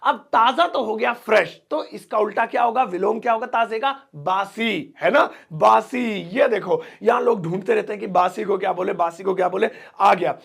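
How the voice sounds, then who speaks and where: A man teaching English words in a chatty, joking way, slowing right down for example sentences, with an Indian English accent. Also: high voice, creaky, fairly bright tone, slightly rough. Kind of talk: casual spoken lesson.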